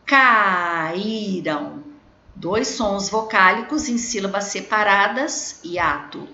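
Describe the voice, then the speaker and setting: Brazilian woman teacher, slow and patient with kids, bright voice, echoey lo-fi room. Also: mid-range voice, lively intonation. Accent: Brazilian Portuguese. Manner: slow, patient, spells out words to children. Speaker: primary school teacher. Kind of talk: video lesson correcting exercises. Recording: echoey room, dull lo-fi sound.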